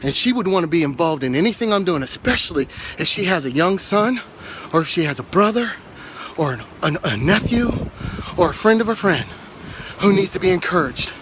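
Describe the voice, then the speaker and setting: Winded high-voiced man climbing outdoors. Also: expressive, brisk. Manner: encouraging, talks to camera while climbing stairs. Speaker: vlog host. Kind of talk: motivational walking vlog. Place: outdoors on reservoir steps. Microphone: handheld phone. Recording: loud wind noise on phone mic.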